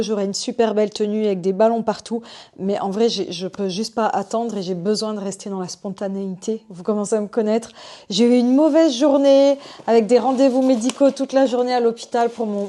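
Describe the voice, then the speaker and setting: A young woman vlogging spontaneously at home, chatty and excited as she talks to her viewers. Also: a little high, fairly quick. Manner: chatty, excited, addresses viewers as "les gars". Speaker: online business vlogger. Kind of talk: spontaneous unboxing vlog. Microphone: desk microphone.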